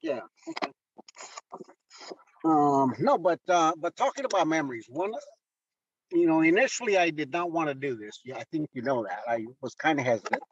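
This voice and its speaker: A retired first sergeant from Mexico, now in his sixties, is the guest in a candid phone interview. His voice is on the high side, sing-song and husky, and he speaks earnestly and from the heart, halting with frequent restarts and fillers. The recording is dry and lo-fi.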